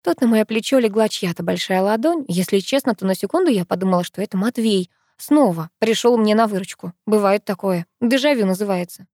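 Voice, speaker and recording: A woman reading an audiobook in the first person, with lively, expressive storytelling. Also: medium pitch, brisk, hardly any pauses, no echo, clean studio sound. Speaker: audiobook narrator.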